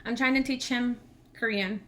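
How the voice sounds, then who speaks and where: Brief: native Spanish-speaking woman vlogger, lively chatty delivery, slightly high voice, faint background hiss. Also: normal speed. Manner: chatty, animated storytelling. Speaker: channel host, language learner. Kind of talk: casual vlog chat.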